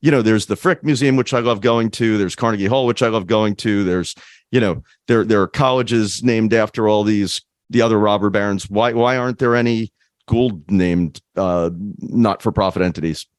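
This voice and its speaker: A male podcast host asking questions in a halting way, with many restarts and fillers. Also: on the low side, no room sound, studio quality. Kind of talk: podcast interview conversation.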